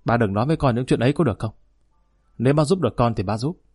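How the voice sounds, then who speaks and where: A man's voice: medium pitch, expressive, a little mellow, husky, no room sound, clean studio sound, faint music behind. A man reading as a sulky defiant son. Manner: defiant, rapid, whining. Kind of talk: audiobook narration.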